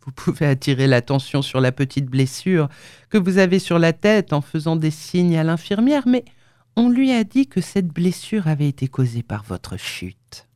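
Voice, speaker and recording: A woman reading the lines of a calm, clinical male surgeon with quiet menace in an audiobook. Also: low voice, normal speed, dry recording, clean studio sound. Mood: cold menace. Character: cold scheming male surgeon, middle-aged.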